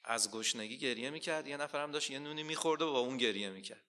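A man preaching a sermon, asking rhetorical questions and slowly quoting scripture with rising emphasis. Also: mid-range voice, pushed and bright.

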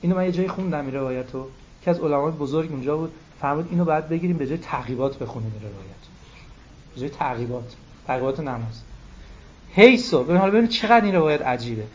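A man's voice: a little high, expressive, a little hiss or hum. Emphatic male preacher, lo-fi sound. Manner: emphatic, repeats key phrases, quotes Arabic texts. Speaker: cleric. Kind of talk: religious sermon. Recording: dull lo-fi recording.

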